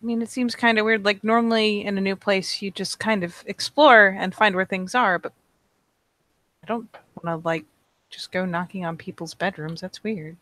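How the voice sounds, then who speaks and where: A player in a tabletop role-playing game who asks curious, hesitant questions. The voice sits at a middle pitch and sounds dry and close. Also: fairly even intonation, moderate pace, fairly bright tone, no room sound.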